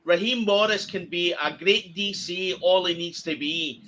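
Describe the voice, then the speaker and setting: A man's voice: high voice, measured pace, bright, forceful tone, slight background noise, rough recording. A man chatting in a live watch party, blunt and exasperated.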